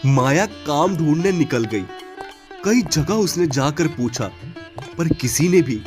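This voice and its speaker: Man, storybook narrator, animated pitch, faint music behind. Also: slow.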